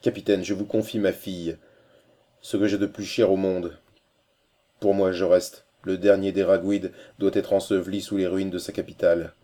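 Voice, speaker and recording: A man voicing a proud, wounded old prince who speaks gravely and solemnly in an audiobook reading. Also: sits low, little pitch movement, moderate pace, dark tone, close to an everyday voice. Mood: defiant.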